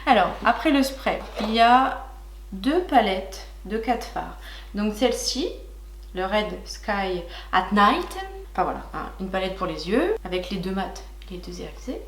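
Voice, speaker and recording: A young woman chatting warmly to her viewers while unboxing makeup, gushing and filling pauses with little hesitations. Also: medium pitch, animated, roomy sound. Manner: chatty and gushing, many fillers, talks to viewers as "licornes". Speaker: beauty vlogger. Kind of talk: casual makeup haul chat.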